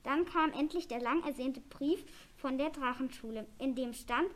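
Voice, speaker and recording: A woman reading a children's story aloud in a plain, even way. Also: high voice, normal speed.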